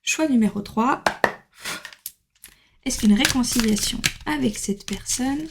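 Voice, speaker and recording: A woman's voice: fairly high pitch, slow pace, heavy background noise. A woman giving a casual tarot reading to camera, chatty, with many fillers and laughs. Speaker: tarot card reader.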